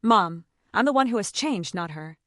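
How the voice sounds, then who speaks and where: A woman's voice: mid-range voice, animated, normal speed, fairly bright tone, dry recording, clean studio sound, lightly acted. A woman voicing a grown son who speaks to his mother in a firm, direct way.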